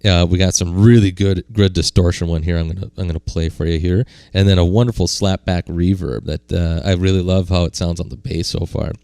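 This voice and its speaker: Podcast co-host, man, very low voice, rambling casual delivery, dry audio. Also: fairly even intonation, brisk, gravelly, hardly any pauses, mellow, smooth, dry recording. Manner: rambling, lots of "uh" and "like". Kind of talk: casual gear demo chat.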